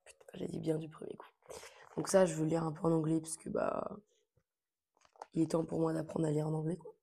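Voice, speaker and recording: A woman's voice: deep voice, little pitch movement, brisk, creaky, dark tone, slightly rough. A young woman chatting casually to camera about books she wants to read, informal and full of fillers. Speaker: book vlogger.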